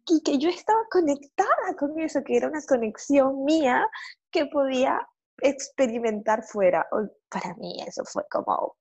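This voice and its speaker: A woman in casual conversation, telling an animated personal story with sudden cries and laughs. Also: sits high, moderate pace, lo-fi sound.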